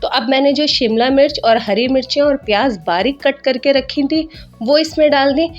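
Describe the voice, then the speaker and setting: A woman's voice: high-pitched, normal speed. A woman narrating her cooking vlog in a chatty voice-over, explaining each step to viewers, her throat a little sore. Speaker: cooking vlogger. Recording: dull lo-fi voice-over with soft music.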